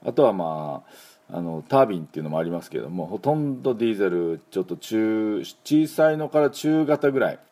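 A middle-aged man hosting a relaxed, chatty English lesson, filling his talk with asides and leading repeat-after-me pronunciation drills. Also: on the low side. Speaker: English teacher and show host. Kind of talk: casual spoken English lesson.

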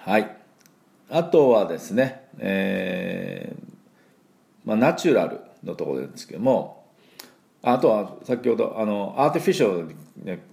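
A Japanese man with a low, gravelly voice teaches English pronunciation. He drills words slowly and repeats them often, with many hesitant fillers. His speech rises and falls in lively swings of pitch. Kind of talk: weekly pronunciation lesson.

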